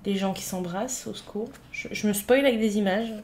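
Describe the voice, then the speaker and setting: A mid-pitched woman chats casually about her books to camera. She is playful and full of fillers, with asides to herself. A faint hiss of noise runs under the voice. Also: a little fast, a little mellow. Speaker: book vlogger. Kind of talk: casual unboxing chat.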